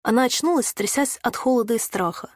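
A woman reading a storybook chapter aloud in a measured, even narration. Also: a little high, dry recording, studio quality. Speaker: audiobook narrator. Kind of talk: scripted narration.

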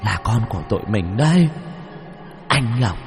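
A man's voice: fairly low pitch, sing-song, moderate pace, gravelly, long reverb tail, soft background music. A man voicing an eerie female ghost sow that speaks in a human voice. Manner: eerie, calling out a name.

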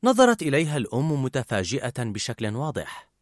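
Animated male storyteller. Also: medium pitch, quick pace, no room sound, studio quality. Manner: expressive, animated reading. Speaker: narrator. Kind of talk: storytelling narration.

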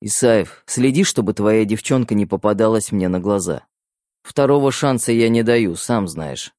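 A gruff, menacing boss, as a man reads him, snaps short, clipped orders. He sounds tired but threatening, recorded dry and close for an audiobook. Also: on the low side, expressive, normal speed, a little mellow, no echo, close to an everyday voice. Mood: weary threatening. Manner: clipped, barking.

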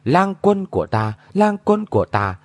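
A man voicing a mysterious shape-shifting mimic who taunts in a shrill, mocking voice. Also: sing-song, a little slow, dry recording. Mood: mocking taunting.

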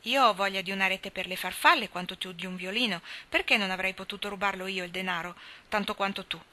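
A woman reading the part of a rough, blunt, protective boy. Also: medium pitch, steady tone, fast, bright, forceful tone, natural voice. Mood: gruff. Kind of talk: audiobook character reading.

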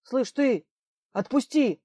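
A woman's voice: high voice, takes it slowly, dark tone, breathy edge, no room sound, pitched above the performer's own voice, exaggerated voice. A woman reading a curt, formal male police officer.

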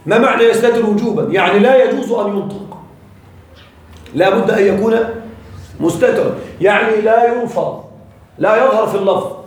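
Guy teaching grammar, high voice, lots of echo, keeps asking if everyone gets it. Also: brisk, pauses often. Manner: checks often that students follow, repeats key points. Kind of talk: classroom grammar lesson. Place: classroom with students. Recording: very echoey room, voice far from the mic.

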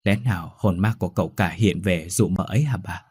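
A man's voice: sits low, fairly quick, a little mellow, breathy edge, no room sound. A man voicing a frightened young servant girl who stammers and pleads in a ghost story. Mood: anxious. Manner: stammering, fearful.

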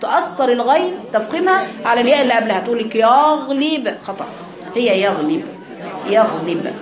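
Egyptian lady teaching quran recitation, repeats syllables over and over, roomy echo, class noise behind. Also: on the high side. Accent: Egyptian Arabic. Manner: demonstrates sounds by repeating syllables, corrects students directly. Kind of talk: classroom lesson on tajweed. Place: classroom with female students.

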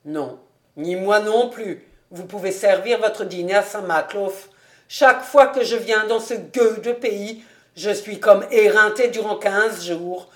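A woman voicing a serious middle-aged male tax collector who speaks loudly and emphatically, lecturing. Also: medium pitch, a little slow, close to an everyday voice. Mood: gruff, weary.

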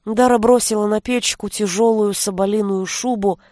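A woman with a mid-range voice reads a fantasy audiobook in steady, measured, scripted narration. The studio sound is clean, with no room sound.

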